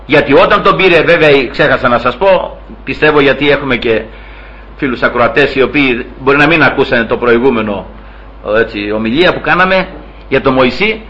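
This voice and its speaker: A man's voice: medium pitch, fairly bright tone, dull audio. A man preaching a sermon, emphatic and repetitive, constantly addressing his listeners as brothers. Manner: emphatic, repeats phrases and acts out quoted speech.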